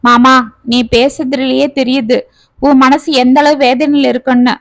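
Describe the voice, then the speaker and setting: A woman voicing a caring young wife who speaks gently and compassionately. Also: high-pitched, level tone, measured pace, no echo, clean studio sound. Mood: gentle. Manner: gentle, pleading.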